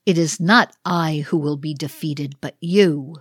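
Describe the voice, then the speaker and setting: A woman voicing a cruel, cold dragon of winter in a read-aloud ritual play, slow and threatening. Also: sits low, slightly rough, no room sound, studio quality. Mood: menacing.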